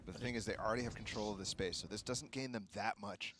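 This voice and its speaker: A man's voice: on the low side, quick pace, background noise. A man working as an esports caster, giving analytical colour commentary on a match.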